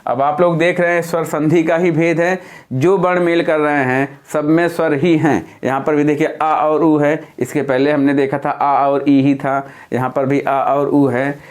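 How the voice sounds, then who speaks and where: Man teacher, patient step-by-step explaining, fairly high voice. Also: little pitch movement, measured pace. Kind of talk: whiteboard grammar lesson.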